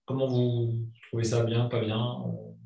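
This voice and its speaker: A man hosts a casual live panel discussion. His middle-pitched voice comes through with a roomy echo, sitting some way from the mic. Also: level tone, a little slow, vocal fry, far from the mic, highs cut off. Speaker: host of a wine talk show.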